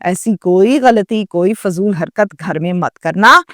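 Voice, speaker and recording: A woman's voice: medium pitch, a bit bright, no room sound, clean studio sound. A woman narrating a true story in the first person, dramatic and acting out the quoted dialogue.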